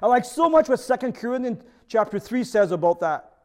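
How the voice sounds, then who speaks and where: Speaking with a French accent from his native French, a middle-aged man gives a sermon in a strikingly high voice with a darkish tone. He is very animated and brisk, preaching earnestly as a pastor while repeatedly posing rhetorical questions to his audience.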